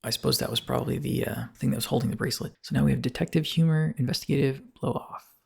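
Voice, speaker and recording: A man's voice: mid-range voice, steady tone, fast, vocal fry, breathy edge. A man narrating a game playthrough, reading on-screen text and dialogue choices aloud. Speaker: let's play narrator. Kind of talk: let's play commentary.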